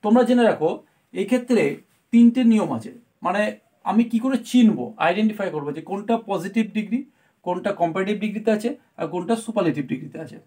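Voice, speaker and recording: A woman as a patient grammar teacher explains step by step and keeps asking her students whether they follow. Her voice sits at a middle pitch and her talk is unhurried and clear. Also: animated, dark tone. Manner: explains patiently, often checks with "right?".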